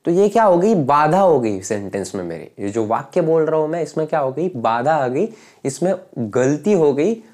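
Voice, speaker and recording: This young man teaches to a camera at normal speed, his fairly high voice sing-song and darkish in tone. He illustrates each idea with everyday examples and frequently stops to ask whether viewers follow along.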